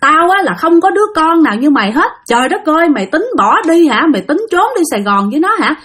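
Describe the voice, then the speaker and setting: A woman voicing a furious older father who shouts and curses. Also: very animated, fast. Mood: enraged. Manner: yelling, accusing, high and strained.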